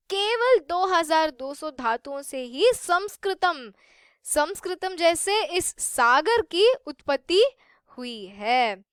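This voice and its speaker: A woman's voice: sits high, a bit bright, dry recording, clean studio sound. A woman teaching a lesson, patiently repeating and rephrasing her points and mixing in English. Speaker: Sanskrit teacher. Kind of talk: explanatory lesson.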